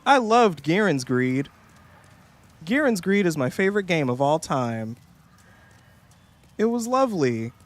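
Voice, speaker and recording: A man's voice: on the high side, sing-song, measured pace, long pauses. A young man streaming a game, chatting casually in a jokey, profane, rambling way and slipping into mocking voices. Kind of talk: casual gameplay streaming chat.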